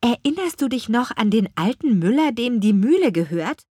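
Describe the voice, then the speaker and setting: A woman's voice: a little high, big pitch swings, moderate pace, husky, no room sound, studio quality, pitched above the performer's own voice. Woman doing an eager little apple witch girl. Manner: bright, pleading, eager delivery. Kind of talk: audiobook character voice.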